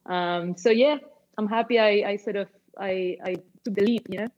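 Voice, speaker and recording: Speaking as a guest on an interview, this woman in her forties, originally from Argentina, runs a label and makes music. Her casual, warm talk wanders, full of fillers and false starts, in a mid-range voice with fairly even intonation at normal speed, and the highs are cut off.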